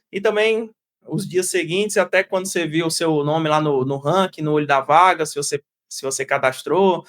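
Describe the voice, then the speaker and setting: A man's voice: a little high, fairly bright tone. A man hosting a casual interview, asking long, winding questions. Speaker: interview host.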